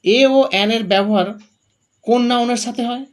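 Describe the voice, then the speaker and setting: A man's voice: very high-pitched, fairly even intonation, moderate pace. A man teaching grammar, who asks questions and answers them himself while drilling through examples. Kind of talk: classroom-style explanation.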